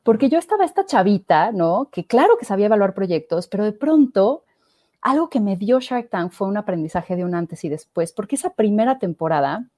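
Speaking at medium pitch and a little fast, this thirtysomething woman with a Mexican Spanish accent is a guest on a podcast, sharing her story in a relaxed interview. She tells it expressively, performing the voices she quotes, and the clean studio sound has no echo.

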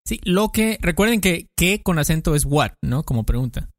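A man co-hosting a podcast, playfully explaining Spanish grammar in casual chat, with quick examples. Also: fairly high pitch, expressive, no echo, studio quality. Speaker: podcast co-host teaching Spanish. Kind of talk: casual language lesson chat.

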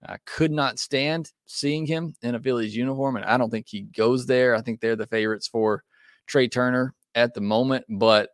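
With a mid-range voice at a moderate pace, a male podcaster talks baseball casually, sharing strong opinions and using plenty of fillers. The sound is dry and studio quality.

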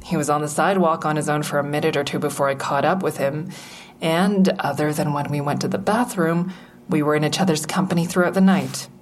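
An actress with a deep, steady voice, close to everyday speech, plays the narrator and lead of an audio drama: a guarded, agitated, sardonic woman. She speaks fairly quickly through first-person narration and dialogue, agitated and sarcastic, exasperated in manner. A little hiss or hum is audible.

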